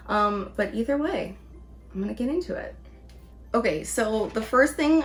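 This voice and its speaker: A woman chatting casually as she reviews things in a taste-test vlog. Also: medium pitch. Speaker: vlog host, candy reviewer.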